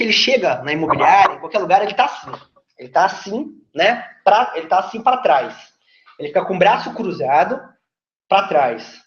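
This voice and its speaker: Brazilian sales coach with a lively voice. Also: male voice, sits high. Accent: Brazilian Portuguese. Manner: chatty, persuasive, explanatory. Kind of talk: casual video lesson. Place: seated indoors facing camera. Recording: roomy dull lo-fi recording.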